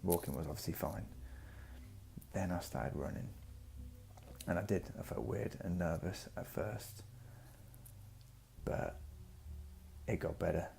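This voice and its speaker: A man giving a reflective, personal vlog monologue, speaking earnestly in short, halting phrases. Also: low-pitched, creaky, warm tone. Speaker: vlogger. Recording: music behind the voice.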